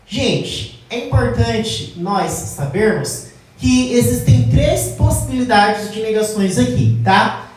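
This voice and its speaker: A woman teacher explaining logic at a whiteboard, often checking in with the class and slowing down to stress key terms. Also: on the high side, expressive, a little mellow, faint music behind. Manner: addresses class as "gente", checks with "tá?"; slows down to stress key words. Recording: very echoey room, mic far off.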